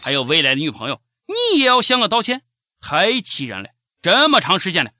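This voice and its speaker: A man's voice: high voice, huge pitch swings, a little fast, noisy background. A man with a Shaanxi accent hosting a satirical comedy news show, narrating in a theatrical, exclamatory way. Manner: theatrical mock outrage, exclamatory.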